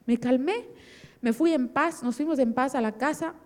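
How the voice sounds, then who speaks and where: A woman's voice: high-pitched, normal speed, in a large hall. A middle-aged woman giving an emotional personal testimony in church and vividly acting out remembered dialogue. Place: church hall.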